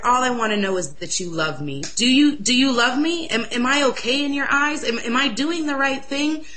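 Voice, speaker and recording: A young woman with a loud, medium-pitched voice shares an earnest, excitable personal religious testimony during an interview.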